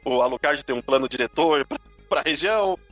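A man's voice: mid-range voice, lively intonation, fairly quick, a bit bright, lo-fi sound, soft background music. A man on a podcast, recounting a story casually with laughing asides. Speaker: podcast co-host. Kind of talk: casual chat about a series.

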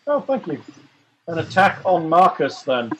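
A man acting as game master of a tabletop game, narrating attack rolls and damage in a relaxed, jokey way. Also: on the high side, measured pace, a little hiss or hum, poor audio.

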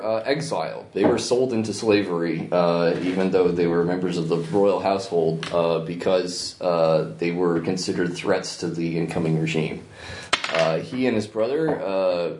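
A man with a lowish voice casually narrates a tabletop game as its game master. The recording is roomy, with faint noise behind him. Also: a little mellow.

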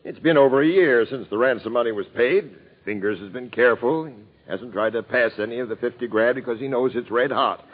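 An actor playing a shrewd police captain who argues in slang, in 1940s radio drama style. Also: male voice, medium pitch, a little fast, close to an everyday voice. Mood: arguing, knowing. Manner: argumentative, slangy. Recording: tinny, narrow-band 1940s radio recording.

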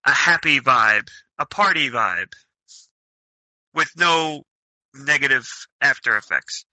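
A man playing a tabletop game, talking casually in a halting, effusive way. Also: medium pitch, animated, sharp tone, no echo, low-quality recording. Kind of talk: casual improvised play.

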